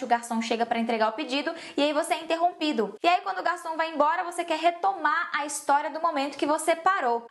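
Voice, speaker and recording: Chatty high-voiced woman teaching English. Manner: chatty and playful, acting out sarcastic examples. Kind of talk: casual lesson to camera.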